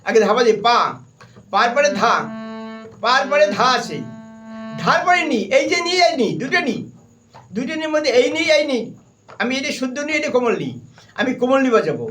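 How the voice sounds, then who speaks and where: A man's voice: extremely high pitch, sing-song, moderate pace, pauses often, pushed and bright, far from the mic, faint music behind. A man with a Bengali accent teaching a harmonium and keyboard class, firmly repeating points and naming notes as he plays. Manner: firm, repetitive, stern reminders to students; names and sings note syllables while playing. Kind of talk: music lesson. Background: keyboard playing.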